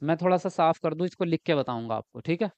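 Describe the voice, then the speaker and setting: Man, online exam-prep teacher, high voice, dry close mic, slightly dull lo-fi sound, explains step by step. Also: quick pace, a little mellow, no room sound. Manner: explains step by step, asks questions and answers them himself; reads viewer comments aloud and talks to them. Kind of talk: live online class lecture.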